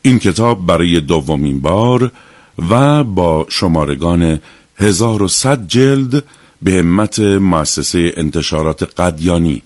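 A man narrating an audiobook in a calm, measured storytelling manner. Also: sits low, no echo.

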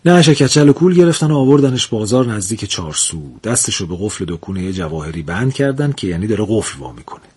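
A man narrates a comic folk tale in a lively, chuckling storytelling manner. His voice is low and noticeably husky. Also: hardly any pauses.

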